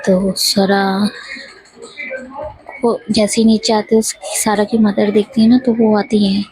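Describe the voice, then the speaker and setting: Husky, breathy woman telling a story. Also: medium pitch, little pitch movement, measured pace, a little mellow, dry recording, soft background music, poor audio. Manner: chatty, with many fillers and self-corrections of names. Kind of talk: casual spoken retelling of a love story.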